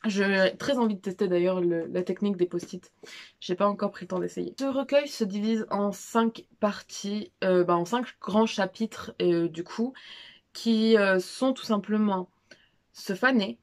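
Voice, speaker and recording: A young woman talks through her month's books in a loose, slangy vlog. She trips over words, fills pauses often and pokes fun at herself along the way. Her pitch sits in an ordinary middle range. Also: a little mellow. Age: young adult. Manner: chatty, informal, many fillers and restarts; self-deprecating asides. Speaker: book vlogger. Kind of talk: casual monthly reading recap.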